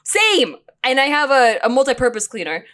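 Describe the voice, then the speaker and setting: A woman co-hosting a casual chat, telling stories with lots of laughing and bursts of mock-angry shouting. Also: high-pitched, moderate pace, slight background noise. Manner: animated storyteller who shouts in mock anger and laughs often. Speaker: podcast co-host.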